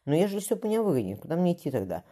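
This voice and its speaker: A reader lifting his voice a little for a frightened young expectant mother, tearful and guarded. She speaks quickly, in a dark, mellow tone, as in a storybook reading. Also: lowish voice, very animated, voice pushed up. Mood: pleading. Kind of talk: audiobook character voicing.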